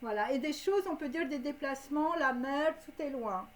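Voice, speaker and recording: Woman, high voice, rambling tarot reading, lots of fillers and "hein". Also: normal speed. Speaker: tarot card reader. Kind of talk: casual tarot reading to camera.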